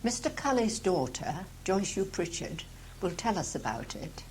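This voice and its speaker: A woman's voice: lowish voice, sing-song, moderate pace, darkish tone, low-quality recording. A woman presents, giving scripted introductions and interview questions. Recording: amateur 1985 tape, faint noise.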